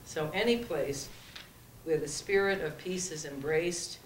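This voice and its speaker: A woman's voice: deep voice, measured pace. A woman making a prepared public comment to a village board. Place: indoor village hall meeting room. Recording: echoey, distant mic with clear background noise.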